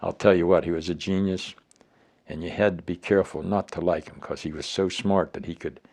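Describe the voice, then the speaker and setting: Gravelly, deep-voiced elderly American veteran remembering. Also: male voice, a little mellow. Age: older, elderly. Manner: plain-spoken, acts out remembered dialogue. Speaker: war veteran being interviewed. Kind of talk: old veteran remembering, anecdotal storytelling.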